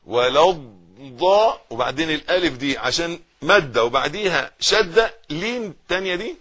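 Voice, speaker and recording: A man with an Egyptian accent gives a slow, unhurried recitation lesson. He chants verses in a medium-pitched voice, then breaks off to correct pronunciation. He keeps repeating phrases and asks the listener to follow him. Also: fairly bright tone, breathy edge. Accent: Egyptian Arabic. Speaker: Quran recitation teacher.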